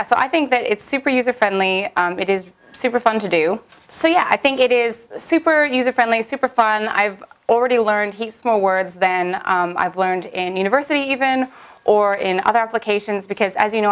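A young woman vlogging in a casual, upbeat way as she reviews a language app, chatty and full of little fillers. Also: medium pitch.

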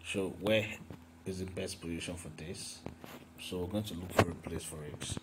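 A man's voice: sits low, fairly even intonation, normal speed, heavy background noise. A man walking through a graphic design tutorial step by step as he works on screen, with fillers and restarts. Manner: talks through each step while working, with fillers and restarts. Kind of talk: screen-recorded software tutorial.

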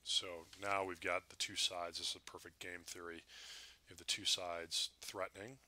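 A man's voice: low voice, level tone, normal speed, pushed and bright. A man with the hiccups giving casual market commentary over charts, talking conversationally with many fillers and restarts. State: has the hiccups.

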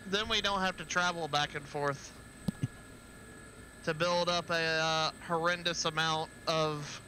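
A man's voice: fairly high pitch, steady tone, measured pace, bright, forceful tone, slight background noise, poor audio. A man streaming a helicopter flight sim, chatting casually with teammates over voice comms and laughing often. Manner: laid-back, laughing often.

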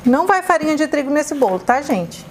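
Speaking fairly quickly in a high, very animated voice, a Brazilian Portuguese-accented woman runs a chatty kitchen cooking demo. She's an effusive, exclamatory host who speaks warmly to her viewers, and a little hiss or hum runs under the audio.

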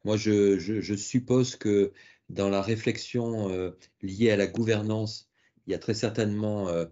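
A man, the director of a regional health agency, speaking as a guest in a video call discussion, measured and halting, often repeating words. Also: lowish voice, steady tone, warm tone. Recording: dull lo-fi video call audio.

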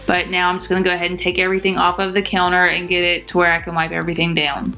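Young woman, vlogger voice-over: relaxed, chatty, lower and bright, fairly flat pitch. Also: very fast. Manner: chatty, relaxed, with frequent ums. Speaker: cleaning vlogger. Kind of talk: casual voice-over narration. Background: soft pop music.

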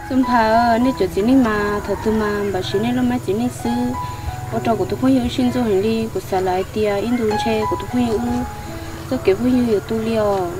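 A woman's voice: on the high side, fairly even intonation, fast, over music, close to an everyday voice. A woman acting in an amateur drama, pleading and exclaiming as she speaks.

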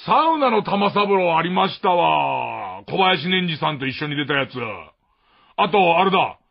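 Heard on a muffled mono archive recording, a late-night radio host from Tokyo speaks with a Tokyo accent in an unhurried, creaky, slightly high voice with big pitch swings. He rambles casually, mocking himself and chuckling often.

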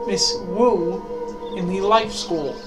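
A woman hosts a gaming video with casual, off-the-cuff commentary. Her voice is mid-pitched, and loud game music plays behind it. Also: extremely slow.

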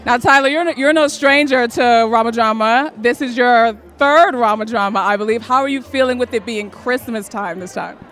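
A woman's voice: on the high side, moderate pace, few pauses, fairly bright tone, soft background music. A woman chatting as a red carpet interviewer, asking questions into a handheld mic. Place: red carpet press wall at an event. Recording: crowd chatter behind, event hall. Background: crowd chatter.

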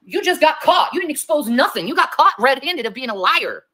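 High, animated woman ranting angrily. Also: brisk, slight background noise. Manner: heated, profane, confrontational. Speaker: livestreamer in a played clip. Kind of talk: angry livestream rant.

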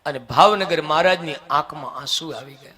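A man's voice: fairly high pitch, fairly quick, bright, forceful tone. A man telling a devotional folk story with dramatic, impassioned narration. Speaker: religious storyteller.

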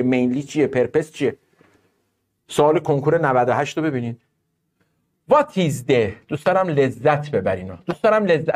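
A man with a high-pitched voice teaches an online exam-prep English class. He talks animatedly, reacting to students and the live chat as he goes.

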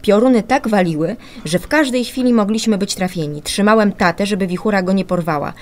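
A woman voicing a cheeky twelve-year-old boy who teases his siblings loudly in a storybook reading. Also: mid-range voice, a little fast, natural voice. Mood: boastful. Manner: loud, mocking, squealing.

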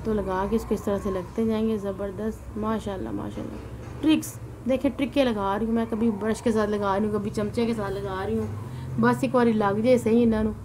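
A woman narrates her home cooking in an easy, chatty way, scattering devotional exclamations through her talk. She sounds tired and weary from fasting. The voice-over carries a clearly audible noise floor. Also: medium pitch, fairly even intonation. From Punjab, Pakistan. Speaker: cooking channel host. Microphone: voice-over mic, not in the pictured kitchen.

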